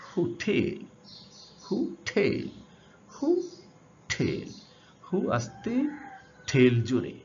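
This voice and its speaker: A man teaching English grammar to students. He draws out the English example words slowly and asks the class questions. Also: medium pitch, dark tone. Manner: addresses students directly, asking questions. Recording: dull lo-fi sound with faint hiss.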